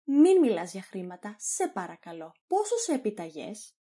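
A woman's voice: mid-range voice, very animated, dark tone, breathy edge. A woman voicing a greedy wife who coos over her husband. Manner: cooing, sugary. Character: greedy, falsely sweet young wife.

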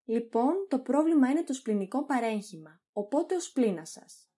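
A pompous old quack doctor who blusters through every answer, as a woman reads his lines. The voice is husky and mellow with a lively pitch.

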